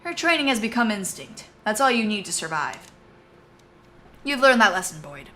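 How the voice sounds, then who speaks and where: A woman voicing a calm, measured veteran female mercenary mentor in a game. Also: medium pitch, slight background noise.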